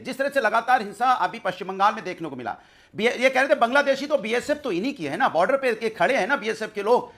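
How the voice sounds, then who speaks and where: A man's voice: very high-pitched, fairly bright tone. A man arguing as a panelist in a heated TV debate, emphatic and repeating his points. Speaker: political panelist.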